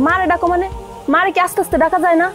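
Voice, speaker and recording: A woman's voice: very high-pitched, little pitch movement, racing. A young woman, playing an outspoken, reproachful elder sister-in-law in a TV drama. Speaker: elder son's wife. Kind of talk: TV drama acting. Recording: music under the dialogue.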